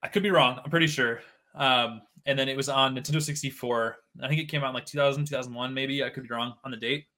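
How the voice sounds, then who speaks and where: Chatty bright-voiced man in his twenties. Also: mid-range voice, steady tone, fast. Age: 20s. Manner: chatty, rambling, many fillers. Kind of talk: casual chat.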